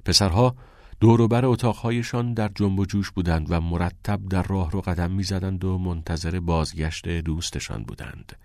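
A man reading a novel aloud as an audiobook narrator in a steady, measured way. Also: low-pitched, dry recording, clean studio sound. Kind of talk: scripted narration.

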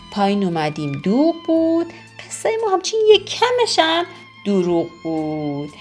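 Woman telling a fairy tale, super lively sing-song voice, soft music under it. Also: medium pitch. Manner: animated, expressive, sing-song. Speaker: storyteller. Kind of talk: folk tale storytelling.

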